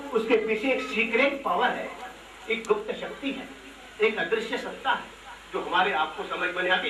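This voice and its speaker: A man telling a devotional story as a religious storyteller, emphatic and asking rhetorical questions. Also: high voice. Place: temple hall. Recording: echoey hall, distant mic, noisy.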